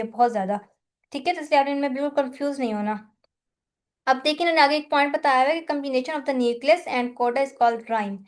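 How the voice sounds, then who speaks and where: A woman's voice: sits high, darkish tone. A woman tutor with a Pakistani accent patiently explains a lecture, often checking that students follow. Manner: patient, repeats "thik hai" to check understanding. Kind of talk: explaining a lecture in mixed Hindi and English.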